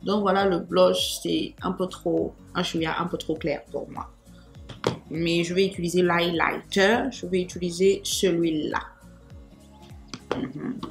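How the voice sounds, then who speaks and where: A woman's voice: on the low side, steady tone, measured pace, vocal fry, soft background music. A woman chatting through a makeup tutorial in a playful, self-mocking way, speaking straight to her viewers. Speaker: makeup vlogger.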